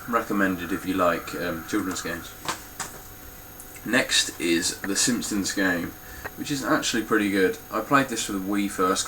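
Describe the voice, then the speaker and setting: Over some background noise, a man with a lowish, stuffy, nasal voice reviews his game collection casually and bluntly. He says um a lot and swears occasionally.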